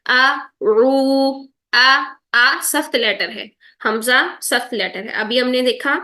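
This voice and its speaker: A woman teaching Quran recitation in an online lesson, patiently drawing words out slowly to demonstrate and checking in with her students often. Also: a little high, pushed and bright. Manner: checks in often with "theek hai?".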